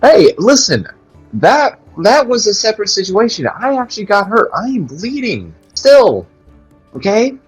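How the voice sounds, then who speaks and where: A man's voice: high voice, very animated, measured pace, breathy edge, soft background music, low-quality recording. A man playing a tabletop game, improvising in character with hesitant, repetitive complaints. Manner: hesitant, complaining, repeats himself. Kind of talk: improvised role-play chat.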